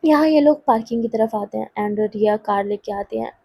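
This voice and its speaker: A woman storyteller who narrates in a chatty, casual way and talks straight to her listeners. Her voice sits fairly high, with a mellow tone and a husky, breathy grain. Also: fairly quick. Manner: chatty, addresses listeners directly.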